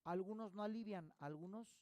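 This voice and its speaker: A man teaching a recorded course lecture as a holistic therapy instructor, explaining through rhetorical questions and quick "ok?" check-ins. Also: high-pitched, dark tone, no room sound.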